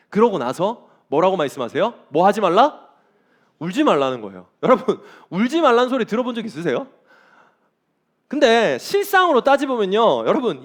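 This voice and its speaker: A man preaching a sermon as pastor, emphatic and firing rhetorical questions at the congregation. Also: very high voice.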